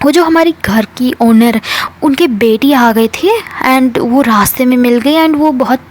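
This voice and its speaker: A puzzled, weary young woman who explains herself in a hurt tone, voiced by a female storyteller. Her voice sits slightly high and sounds close to everyday speech. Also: measured pace. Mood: explaining.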